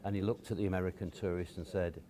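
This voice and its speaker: A man, a guest telling stories from his upbringing in a relaxed, hesitant way with many fillers. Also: sits low, fast, a crowd in the background. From Cottingham, near Hull, England. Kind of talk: casual storytelling interview.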